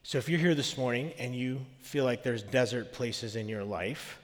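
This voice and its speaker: A man with a gravelly, smoky voice, getting over a cold, preaching conversationally to a congregation in an informal, slightly halting way. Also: medium pitch. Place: large reverberant room, live service. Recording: reverberant hall.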